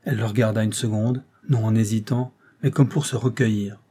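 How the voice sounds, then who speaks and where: A man reading a classic novel aloud in a measured literary style. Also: on the low side, steady tone, warm tone, slightly rough. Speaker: audiobook reader. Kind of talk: scripted narration.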